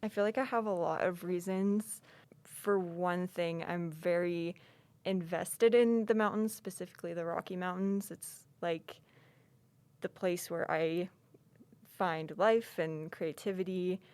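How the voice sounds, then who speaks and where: A woman's voice: on the low side, steady tone, unhurried, darkish tone, smooth, no room sound. A young woman from Alberta, a podcast producer, answering interview questions in a thoughtful, casual way. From Alberta, Canada. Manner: thoughtful, uses "like" fillers. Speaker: podcast producer and research assistant.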